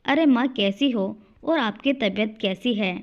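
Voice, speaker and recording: A woman voicing an affectionate young adult son who greets his parents warmly. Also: a little high, a little slow, highs cut off, lightly acted. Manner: warm toward his parents, firm.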